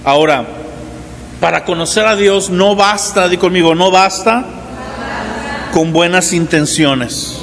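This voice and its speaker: A man in his forties preaching a sermon as pastor, talking in a relaxed conversational way and often checking in with the congregation. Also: high-pitched, slow pace, pauses often, in a large hall. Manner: conversational preaching with frequent "¿verdad?" asides. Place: church hall.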